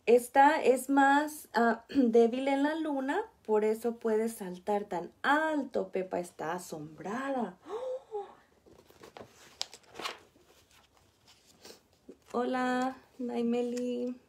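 Slow, soft-toned woman teacher reading aloud. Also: a little high. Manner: gentle, explains slowly to small children; often breaks off to point at pictures. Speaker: preschool teacher. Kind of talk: reading a picture book aloud to children.

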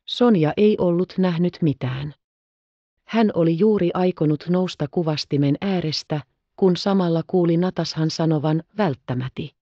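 A woman reads a classic novel aloud in a calm, measured narration. Her voice is warm and slightly low, and the recording is dry with a somewhat dull lo-fi sound. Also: no room sound. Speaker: audiobook narrator. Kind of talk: scripted narration.

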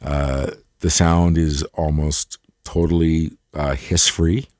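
Speaking slowly in an extremely low, level, darkish voice that's stuffed-up from a cold, a man hosts a hi-fi audio gear tour. His casual talk to camera is rambling, enthusiastic, and self-deprecating, captured in clean studio sound without room sound.

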